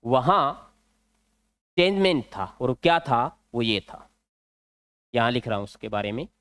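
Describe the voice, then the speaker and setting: A man with a Rajasthani Hindi accent teaching an exam-prep grammar lesson, explaining slowly and repeating key words. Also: medium pitch, big pitch swings, fairly bright tone, dry recording.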